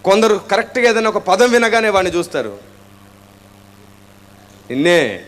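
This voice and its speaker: A high-pitched male preacher with a Telugu accent delivers a sermon. He keeps throwing rhetorical questions at the congregation and slips into dramatic voices when he acts out their prayers. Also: sing-song, moderate pace.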